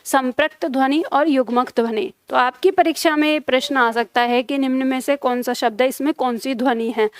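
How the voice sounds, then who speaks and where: Young female teacher, high voice, dry close mic, patient and step by step. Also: no echo. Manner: patient, repeats key terms slowly, checks "theek hai?". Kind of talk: live online grammar class.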